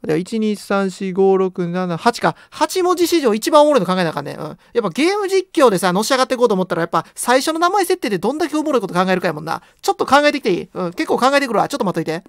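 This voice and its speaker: A man's voice: high-pitched, very animated, racing, gravelly, hardly any pauses, no echo, clean studio sound. A young man with a Kansai accent giving joking, rambling commentary while playing a horror game. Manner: joking, rambling, self-deprecating banter. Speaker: game streamer.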